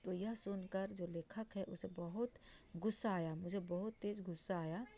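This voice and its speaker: A woman's voice: mid-range voice, fairly even intonation, normal speed, warm tone. A woman Hindi teacher explaining a textbook chapter, restating the text in simple words with frequent fillers.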